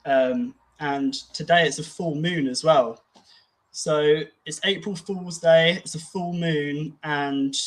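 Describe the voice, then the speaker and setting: Easygoing male podcast co-host. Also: on the high side. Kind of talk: casual conversational podcast chat.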